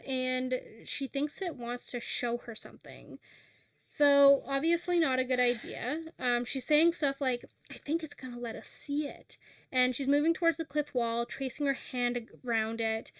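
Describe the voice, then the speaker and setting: Woman, high-pitched, casual co-host recapping a novel, acts out lines, dry close sound. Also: normal speed, dry recording. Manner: animated retelling, acting out characters' lines with filler words. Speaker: podcast co-host recapping a book.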